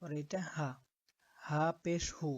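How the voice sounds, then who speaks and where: A woman teaching Quran reading, who spells out letters slowly and often checks that her listeners are following. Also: low-pitched, level tone, darkish tone, slightly rough, no room sound, muffled recording. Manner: slow, patient, checks in with "ঠিক আছে?".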